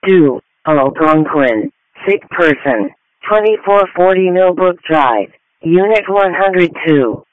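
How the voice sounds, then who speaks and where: A man's voice: high-pitched, expressive, takes it slowly, dry recording. A man's voice reading formal fire dispatch announcements in separated phrases over radio. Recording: narrow, tinny radio channel.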